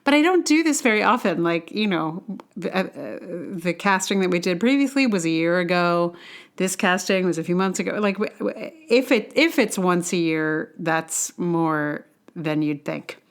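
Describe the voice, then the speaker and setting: In a lowish, animated voice at normal speed, a podcast host and audio drama producer shares personal reflections, first reading an essay aloud and then adding a casual aside, all delivered wryly and with self-deprecation.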